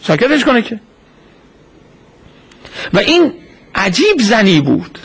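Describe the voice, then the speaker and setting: A high-voiced, slightly rough male preacher gives his sermon as a retold story, repeatedly posing rhetorical questions and answering them himself. He acts out the people he quotes, making the retelling lively.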